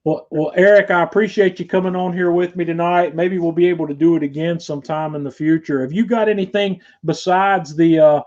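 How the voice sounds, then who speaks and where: A man hosts a relaxed live show, chatting in an easygoing, folksy way. His voice sits a little above the usual male range. The sound is muffled and lo-fi, like a home broadcast. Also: on the high side, a little fast, hardly any pauses. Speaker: show host. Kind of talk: casual live-stream chat.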